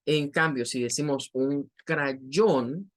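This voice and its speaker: Man, Latin American Spanish accent, English teacher, unhurried pace, repeats words to drill pronunciation. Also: mid-range voice. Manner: patient, repeats each word slowly for pronunciation. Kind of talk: online vocabulary lesson.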